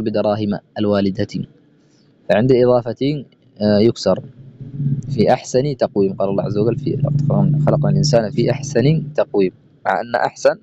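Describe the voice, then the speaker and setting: Fast-talking man teaching grammar. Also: lowish voice, darkish tone. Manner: explains with quick rhetorical questions and quotes verse. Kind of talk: recorded grammar lesson. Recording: dull lo-fi recording with faint noise.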